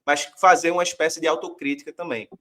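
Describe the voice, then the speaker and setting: A man's voice: on the high side, fairly even intonation, fast talker, pushed and bright. A man from Brazil arguing a political point as a guest author, reflective and using many fillers. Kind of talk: political discussion.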